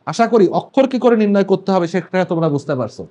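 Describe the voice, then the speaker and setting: Higher-voiced male teacher explaining. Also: sing-song, quick pace, warm tone, dull audio. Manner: explains step by step, repeats key points. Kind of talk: classroom lecture on poetry meter.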